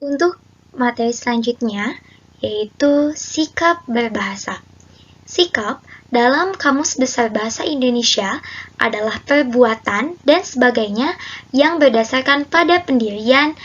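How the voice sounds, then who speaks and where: A woman's voice: on the high side, expressive, unhurried, lo-fi sound. A young woman student presenting and explaining course material to her class, summing points up in her own words.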